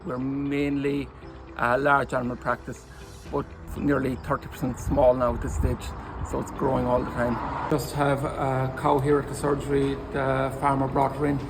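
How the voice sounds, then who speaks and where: A man's voice: medium pitch, level tone, moderate pace, background noise. A man with an Irish accent, a vet explaining his hands-on work as he goes. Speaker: large animal vet.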